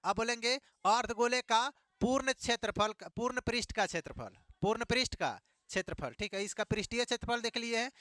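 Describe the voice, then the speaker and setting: Male math teacher, high bright voice, quizzes the class by echoing key terms, dry close sound. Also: fairly quick, hardly any pauses. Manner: repeats key words as questions to students, playful asides.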